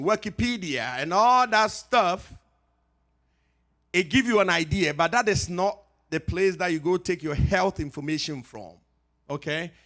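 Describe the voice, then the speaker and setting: In a high-pitched voice, a Ghanaian-accented man in middle age, a pharmacist from Ghana, gives a relaxed health talk at church. He's lively and humorous, driving his key points home through repetition.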